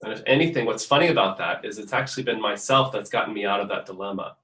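Earnest man with a bright, roomy voice. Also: lowish voice, fast, far from the mic. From born in the US, raised in Portugal from fifteen. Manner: earnest, thinks aloud with restarts. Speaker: musician guest. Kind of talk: reflective interview answers. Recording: roomy echo.

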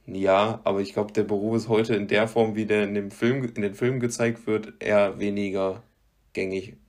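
A man's voice: fairly low pitch, flat delivery, normal speed, a little mellow. A young man giving clues in a guessing game, hesitant and searching for words. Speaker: quiz-giving player. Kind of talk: casual chat.

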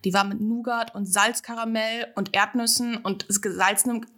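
A woman's voice: on the high side, moderate pace. A young woman in her twenties co-hosting a casual chat podcast, telling stories and acting out quotes. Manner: chatty, animated storytelling with acted-out quotes. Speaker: podcast co-host.

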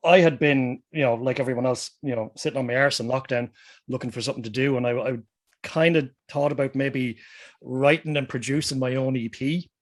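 A man's voice: mid-range voice, fairly even intonation, fairly quick. A man from Westmeath with an Irish accent, telling things casually as a musician guest, informal and self-deprecating. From Westmeath, Ireland. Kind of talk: casual anecdotal chat.

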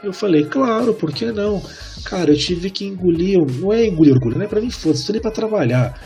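A man, telling a work story in a casual podcast chat and acting out the dialogue with animated energy. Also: sits high, quick pace, faint music behind. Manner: animated, acts out quoted dialogue. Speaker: podcast co-host.

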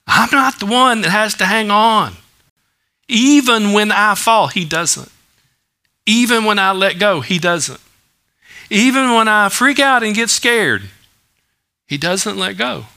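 Bright-voiced, folksy male preacher. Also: high voice, lively intonation, takes it slowly, pauses often. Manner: conversational and folksy, with homely stories and asides. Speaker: pastor. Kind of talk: sermon.

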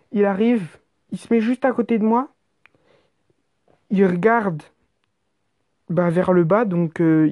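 A woman's voice: medium pitch, lo-fi sound. Woman telling a wild comic story. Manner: animated, exaggerated, slangy with swearing.

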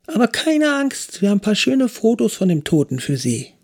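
A woman's voice: medium pitch, sing-song, moderate pace, a little mellow, voice pushed up. A man voicing a cheeky young female police trainee who mocks her boss. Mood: mocking. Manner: sassy, mocking. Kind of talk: audiobook acting.

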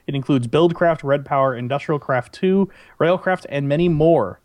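A man co-hosting a casual podcast, reading listener emails aloud in a halting way and often restarting his sentences. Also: fairly high pitch, a little mellow, no echo. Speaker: podcast co-host.

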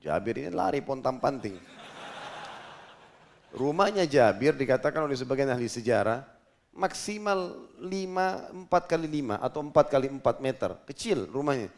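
A man's voice: medium pitch, moderate pace. A male preacher telling a story in a sermon, acting out the characters and explaining Arabic terms. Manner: lively storyteller who acts out characters and explains Arabic words.

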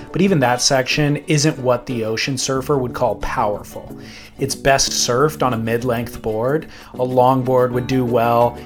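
Male narrator over guitar music. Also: mid-range voice. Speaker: host and narrator. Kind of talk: scripted narration. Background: plucked guitar music.

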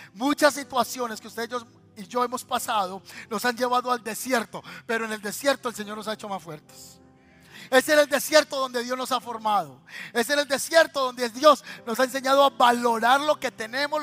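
A Colombian male pastor preaching a sermon, telling stories in a lively, colloquial way and speaking straight to his listeners. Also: extremely high pitch. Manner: storytelling, lively and colloquial, addressing listeners directly.

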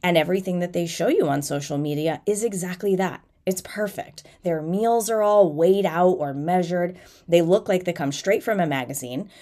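With a head cold making her sound nasal and congested, a fitness coach in her thirties hosts her solo podcast at normal speed. Her voice is on the low side and warm, and she talks informally and candidly, happy to laugh at herself.

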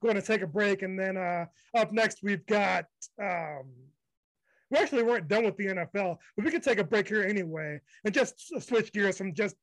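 A sports podcast host with a high-pitched voice and moderate pace talks bluntly and dismissively in casual chat while steering the segments, his energy low from fasting. The recording is low quality but echo-free.

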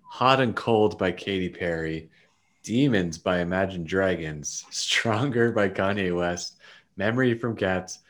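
A man with a low voice and an unhurried, drawn-out delivery hosts a casual podcast. He reads long lists of quiz answers aloud and laughs as he goes. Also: fairly bright tone. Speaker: podcast co-host.

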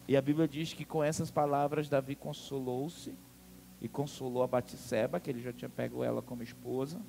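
Fervent pastor with a gravelly voice. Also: male voice, medium pitch, little pitch movement, a little fast, dark tone. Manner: fervent, dramatic storytelling, calls out to the congregation. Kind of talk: sermon.

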